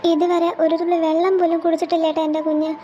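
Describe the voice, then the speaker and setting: An anxious young mother, voiced by a woman, in a very high voice. She pleads emotionally and frets over her child, like a mother in a storybook drama. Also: flat delivery, fast talker, warm tone, muffled recording, faint music behind. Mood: worried.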